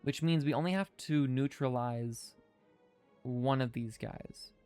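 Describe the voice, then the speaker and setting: A man of ordinary pitch streaming a card game, his talk loose and rambling as he reasons through each choice. His words come out a touch thick from the retainers he has in. Faint music plays underneath. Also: slow, darkish tone, clean tone. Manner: thinking aloud, chatty, reads chat comments. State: wearing dental retainers, slightly hindered speech. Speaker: streamer playing a video game. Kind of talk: casual live-stream commentary.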